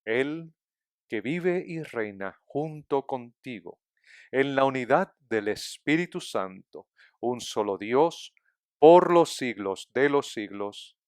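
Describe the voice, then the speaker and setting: A man leads a formal liturgical prayer in a solemn, measured voice. He speaks very slowly and evenly. The sound is close and dry, with no room echo. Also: medium pitch, lively intonation, clear, resonant tone. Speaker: prayer leader.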